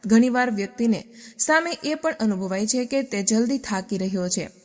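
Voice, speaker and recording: A woman's voice: fairly high pitch, moderate pace, in a large hall. A woman narrating a scripted health explainer, asking rhetorical questions and then answering them. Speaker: health channel presenter.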